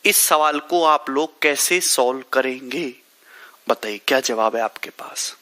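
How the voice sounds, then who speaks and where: A man's voice: medium pitch, measured pace, sharp tone. A male math teacher, leading a live online class, working through sums step by step and teasing students by name.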